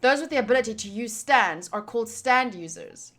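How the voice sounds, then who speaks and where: Over game music, a female streamer speaks fairly quickly in a fairly high voice while reading a visual novel's text. Her commentary is casual and playful, full of animated exclamations.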